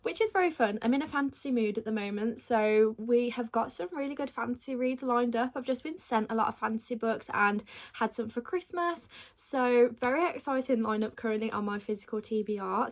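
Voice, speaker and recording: A young woman chatting casually in a reading vlog, upbeat and full of fillers. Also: poor audio. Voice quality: slight lisp from a retainer. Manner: quiet, low-key late-night talk; hushed, near-whispered. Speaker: book vlogger.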